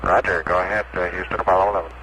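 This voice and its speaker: Astronaut voice on breaking-up space radio, low-pitched man, clipped readbacks, faint hiss. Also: steady tone, rapid-fire. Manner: clipped radio procedure, reads numbers back. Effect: crackly space-to-ground radio transmission, archive recording. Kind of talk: space-to-ground radio exchange.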